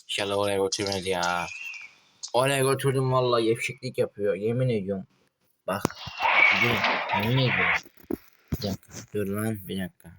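An excitable man talks his way through a horror game, his voice jumping up whenever something startles him. He grumbles and swears at the screen between scares. The phone recording sits under a loud wash of noise and clicks. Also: lowish voice, brisk, pauses often. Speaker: gaming channel host. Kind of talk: casual horror game let's play. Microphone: phone mic.

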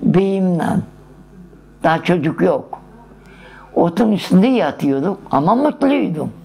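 Slow-spoken elderly woman storyteller. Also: lowish voice, lively intonation, vocal fry, warm tone, slightly rough. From Dersim, Turkey. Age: older. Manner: slow, emotional, acts out the old dialogues. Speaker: interviewee, massacre survivor. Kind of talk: personal storytelling.

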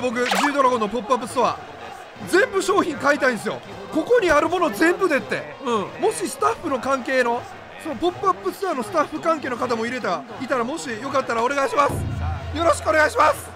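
A young man with a Kansai accent commentating his own gameplay, loud and excitable, breaking into rapid repeated exclamations. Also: very high-pitched. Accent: Kansai Japanese. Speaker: game YouTuber. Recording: game music behind the voice.

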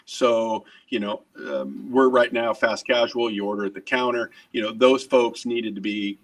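A middle-aged restaurant executive gives an earnest, energetic video interview from his home office, gesturing and repeating words as he speaks. His mid-range voice moves at a moderate pace and sounds far from the webcam mic on the call.

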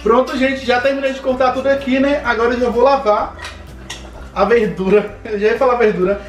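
A man's voice: extremely high pitch, fairly even intonation, brisk. A young man with a Bahian accent, chatting casually and teasingly to viewers as he hosts a home cooking vlog. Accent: Bahian Brazilian Portuguese. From Bahia, Brazil. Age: young adult. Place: home kitchen, indoors.

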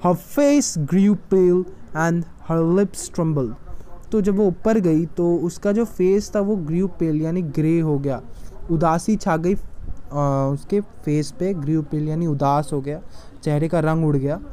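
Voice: medium pitch, takes it slowly, mellow. A teacher reads an English story line by line and explains each line in simple Hindi, in a patient classroom manner.

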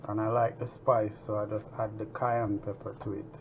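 A lowish-voiced man at a moderate pace runs a home cooking tutorial, talking casually while he works in the kitchen. Kitchen noise fills the dull, lo-fi recording.

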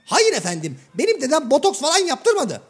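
Brief: a prim, fussy shadow-play gentleman in a very high, thin voice, formal and exasperated. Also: wildly swooping pitch, brisk, full character voice. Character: Hacivat, prim exasperated educated gentleman, male. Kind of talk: comic shadow-play sketch.

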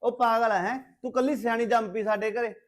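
A man's voice: extremely high pitch, fairly even intonation. An actor playing a hot-tempered young man who scolds his sister in a family drama. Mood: angry. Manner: shouting, scolding, rapid. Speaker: angry brother in a family drama. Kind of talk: Punjabi short film acting.

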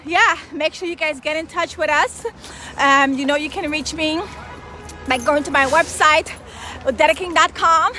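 A woman in her forties, a financial advisor, live-streaming an excited, chatty vlog on her phone while walking down a city street. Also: extremely high pitch. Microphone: phone at arm's length. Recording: faint traffic noise outdoors. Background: street traffic.

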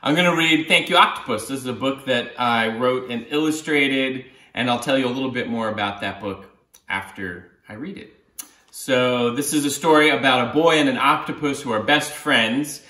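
The bright, forceful voice of a middle-aged man, medium in pitch and at normal speed, fills a small living room with a roomy echo. A children's author, he sits indoors on a sofa reading a picture book aloud expressively, with explanatory asides along the way.

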